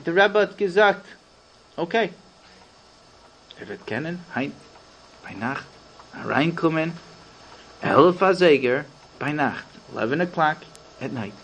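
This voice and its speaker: A male rabbi narrating a tale for small children, animated and quizzing his young listeners as he goes. His voice sits high for a man. He mixes playful questions and English phrases into the telling. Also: slight background noise, rough recording. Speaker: rabbi and educator.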